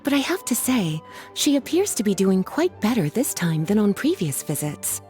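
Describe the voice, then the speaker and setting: A woman acts scripted video game dialogue as an elegant young scholar who teases playfully, leisurely and coy, with music behind her. Her natural, darkish voice is medium-pitched with big pitch swings at a normal speed. The mood is warm and reflective.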